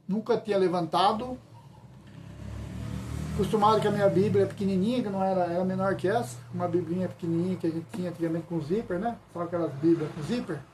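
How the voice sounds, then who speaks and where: A man's voice: sits high, fast, noisy background. A man telling a church testimony, retelling it emphatically with lots of repetition. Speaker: church member giving testimony. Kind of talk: testimony storytelling.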